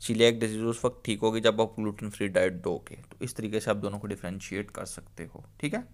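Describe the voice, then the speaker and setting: A man's voice: fairly low pitch, fairly even intonation, fairly quick. A man giving a medical exam-prep lecture. He repeats key terms and keeps checking in with the listener. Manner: explanatory, repeats key terms, frequent "theek hai". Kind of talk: exam-prep lecture mixing Hindi-Urdu and English.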